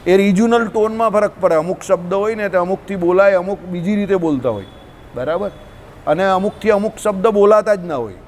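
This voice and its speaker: Gujarati man, informal religious teacher, high-pitched, chatty, quizzes his listeners. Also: a little fast, a little hiss or hum. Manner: conversational, asks listeners questions often. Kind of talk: informal scripture talk to a group.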